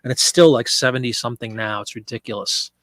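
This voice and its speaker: Talking fast in a fairly bright, mid-range voice, this congested middle-aged man from Pennsylvania has a head cold. He runs a live-stream eBay sale, listing items and casually answering viewers.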